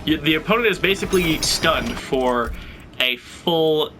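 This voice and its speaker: This guide host's voice is on the high side, animated and unhurried, with music underneath. Slightly stuffy-nosed, he offers gameplay tutorial commentary on fighting game moves, chatting casually and analyzing as he thinks aloud.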